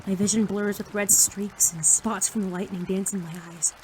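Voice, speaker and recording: In an audio drama, a woman voices a cocky, earnest teenage rookie superhero, both acting scenes and narrating in first person. Her medium-pitched, natural voice moves at a moderate pace over some background noise. The narration is earnest, and her manner shifts between excitable, sarcastic, and sincere.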